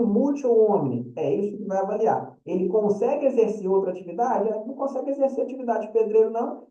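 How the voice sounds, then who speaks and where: This high, mellow male voice belongs to a lawyer from Brazil leading a short course in a relaxed lecture style, chatty and always checking on the audience. A distant mic in a roomy space gives the sound a dull quality.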